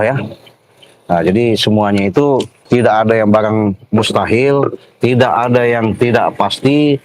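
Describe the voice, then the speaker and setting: Slow-talking man livestreaming. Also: on the low side, darkish tone. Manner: slow, repetitive, tags sentences with "ya". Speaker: vlogger livestreaming. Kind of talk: casual livestream narration.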